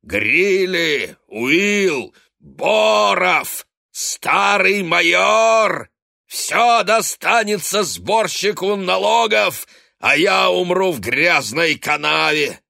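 Here is a bellowing old father in a spoken storybook. He rants in a strained, gravelly howl that is pitched far above a normal speaking voice, and he stretches every word. His rage keeps turning into self-pity. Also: expressive, sharp tone, no room sound, studio quality, full character voice. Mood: raging. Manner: bellowing, drawn-out cursing.

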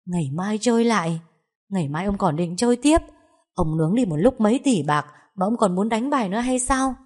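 A woman's voice: mid-range voice, lively intonation, brisk, a little mellow, close to an everyday voice. A woman voicing a distressed middle-aged wife who scolds and pleads with her husband in an audio story. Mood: upset.

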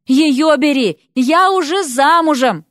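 A woman voicing a feisty, exasperated young frog princess who shouts shrilly in an audiobook. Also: sits high, slow, no echo, studio quality, pitched above the performer's own voice. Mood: yelling. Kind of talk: audiobook character voice.

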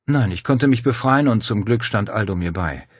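A man voicing an earnest, composed female police commissioner in an audiobook, speaking in a measured, explanatory way. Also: on the low side, lively intonation, breathy edge, no room sound, studio quality, voice pushed up. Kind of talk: audiobook character voice.

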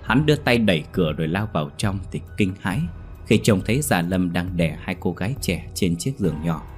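A man narrating a horror story in a steady, unhurried way. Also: low-pitched. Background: faint music.

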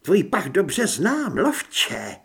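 A man voicing a furious, menacing female werewolf who leads cultists, with a raised high voice, in an audiobook. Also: huge pitch swings, gravelly, fairly bright tone, slightly rough, exaggerated voice. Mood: taunting. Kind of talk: audiobook character voice.

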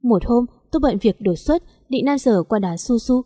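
A woman narrates a story in the first person at a calm, even pace. Her voice is warm and mellow. The recording is dry and close. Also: a little high, moderate pace, breathy edge, dry recording.

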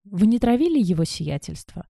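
Composed male captain in an audiobook, voiced by a woman, calm, matter-of-fact, gravelly low tone, dry close sound. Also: moderate pace, no room sound. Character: calm, composed man, a new garrison captain. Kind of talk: audiobook character reading.

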